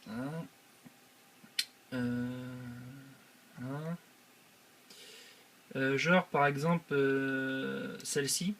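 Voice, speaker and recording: A young man hosting his channel does a screen-recorded tutorial, guiding viewers through a website step by step with many hesitant filler sounds. His medium-pitched voice is a bit bright and fairly even, delivered extremely slowly with frequent pauses, over slight background noise.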